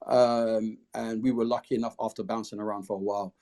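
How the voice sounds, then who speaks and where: A man's voice: lowish voice, flat delivery, fairly quick, dark tone. A man talking casually in an interview, explaining the project he founded. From came to the UK as a child refugee.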